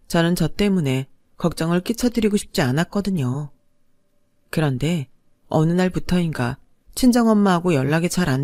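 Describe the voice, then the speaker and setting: A woman narrating a first-person radio drama story in a calm, steady manner. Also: lowish voice, dry recording, clean studio sound.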